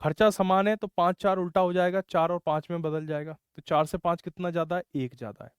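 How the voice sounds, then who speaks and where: A man's voice: sits high, steady tone, a little fast, clean tone, no echo, studio quality. A man teaching a maths class online, explaining step by step and scolding students who get stuck. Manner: scolding, explains step by step, says bhai often.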